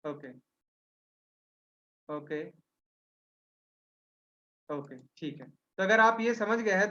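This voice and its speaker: A man with a high voice gives a webinar lesson. He keeps posing questions and answering them himself, tagging on check-in questions. The audio comes through a dull, lo-fi video call. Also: a bit bright. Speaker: webinar trainer. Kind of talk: explanatory teaching talk.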